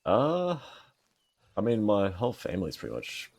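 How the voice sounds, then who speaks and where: Australian man with a low gravelly voice. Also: wildly swooping pitch, normal speed, a little mellow. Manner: laid-back, swears offhandedly. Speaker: streamer playing a military sim game. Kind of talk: casual chat over game comms. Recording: game gunfire behind voice. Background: gunfire and clicks from the game.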